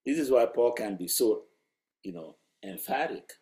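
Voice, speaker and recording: A man's voice: medium pitch, expressive, normal speed, mellow. A man preaching a sermon in a conversational, emphatic way, asking rhetorical questions. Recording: roomy echo.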